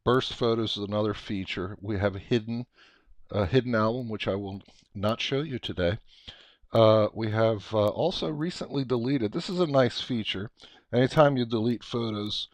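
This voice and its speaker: A middle-aged American man giving an unscripted, casual software walkthrough, thinking aloud haltingly as he explains. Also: lowish voice, dry recording. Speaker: software tutorial presenter.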